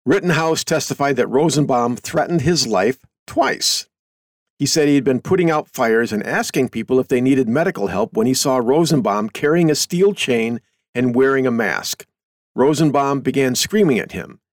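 A man's voice: medium pitch, lively intonation, moderate pace, dry recording, studio quality. A middle-aged man hosting a show, reading a news article aloud and commenting on it in a folksy, conversational way. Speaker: host.

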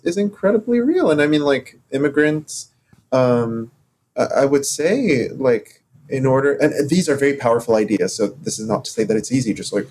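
A man from Morocco co-hosting a casual podcast discussion, talking in halting stops and starts with many fillers. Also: medium pitch, a little mellow. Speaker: podcast co-host.

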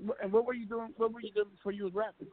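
A man's voice: sits high, flat delivery, very fast, no echo. A man in his sixties hosting a casual call-in radio chat, laughing easily and stumbling over repeated words. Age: 60s. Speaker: radio show host. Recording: phone-line call-in audio.

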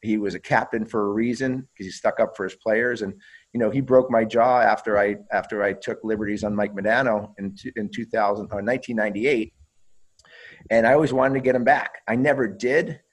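Guest type: ex-pro hockey player, deeper man's voice, loose and profane, rambling storyteller. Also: steady tone, brisk, rough recording. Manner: rambling, profane, repeats words and restarts. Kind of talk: casual interview storytelling.

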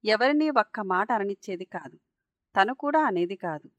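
A woman's voice: medium pitch, lively intonation, moderate pace, no echo. A woman narrating a story aloud in an earnest, emotive reading.

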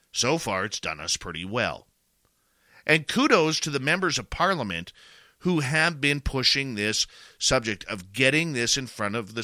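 Punchy, bright-voiced Canadian man, slow and emphatic. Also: mid-range voice, no room sound. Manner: emphatic, rhetorical questions, deliberate pauses. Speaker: commentator. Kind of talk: opinion commentary to audience.

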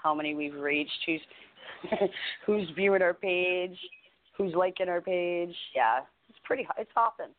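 A woman's voice: fairly low pitch, measured pace. A woman co-hosting a radio show with casual banter. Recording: dull lo-fi line, faint noise.

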